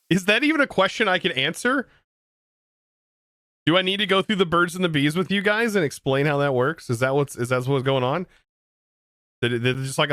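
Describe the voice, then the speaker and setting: A man's voice: on the high side, a bit bright, no room sound, studio quality. An American man streaming a game, chatting casually and answering his chat in disbelief. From United States. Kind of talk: casual livestream chat while gaming.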